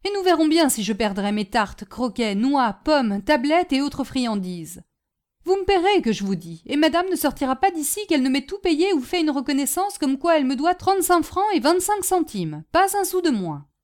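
A woman's voice: high-pitched, very animated, moderate pace, a little mellow, voice pushed up. A woman doing a blustering greedy porter. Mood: indignant. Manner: indignant, insistent.

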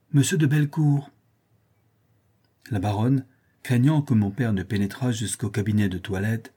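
A male audiobook narrator reading a period novel in the first person, measured and literary. His voice is dark and mellow with a husky grain, and his delivery stays steady and composed. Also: lowish voice.

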